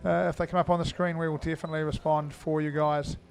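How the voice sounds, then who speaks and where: A rather high-voiced man calling an indoor cricket match live. He talks in a loose, chatty way with plenty of fillers and sudden loud shout-outs to viewers. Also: flat delivery, fast, creaky. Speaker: cricket commentator. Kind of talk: live sports commentary.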